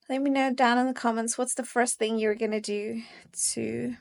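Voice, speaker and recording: A young woman giving a casual, earnest devotional talk to her viewers, encouraging and gentle with soft pauses. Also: a little high, vocal fry. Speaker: faith vlogger.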